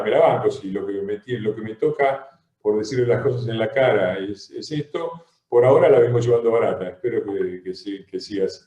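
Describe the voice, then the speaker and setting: A man's voice: on the low side, darkish tone. A man with an Argentine accent hosting a political talk show, arguing emphatically with frequent hesitations. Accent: Argentine Spanish. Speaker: host and legislator. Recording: roomy echo.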